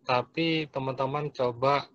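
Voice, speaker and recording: A man's voice: mid-range voice, steady tone, unhurried, fairly bright tone. A male lecturer speaks over a video call, and his audio breaks up and drops out. The sound is dull and muffled, in a dry space with no echo. He throws questions to his class as he talks. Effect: choppy, breaking-up video call audio.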